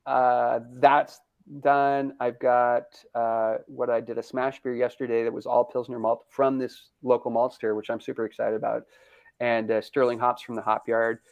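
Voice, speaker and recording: Gravelly-voiced man on a video call. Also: medium pitch, flat delivery, normal speed, no echo. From Canada. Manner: upbeat, rambling, laughs often. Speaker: brewery founder. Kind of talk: casual interview chat. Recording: dull lo-fi video call audio.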